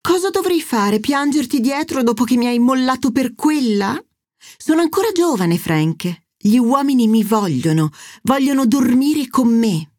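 A woman's voice: high-pitched, expressive, measured pace, darkish tone, dry recording, clean studio sound, pitched above the performer's own voice. A woman voicing a dramatic, flighty middle-aged mother who talks in a lilting, self-pitying way. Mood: defiant.

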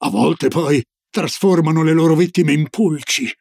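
A man reading an old Norwegian grandmother in a storybook, slow and low, with a gravelly, husky voice. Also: darkish tone, no room sound, studio quality. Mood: ominous. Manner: slow, low, solemn warnings.

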